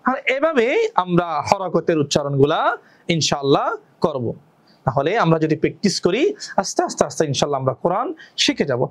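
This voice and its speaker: A man teaching Quran reading in a patient lesson, explaining step by step, asking and answering his own questions, and drawing out recited words slowly. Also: on the high side, big pitch swings.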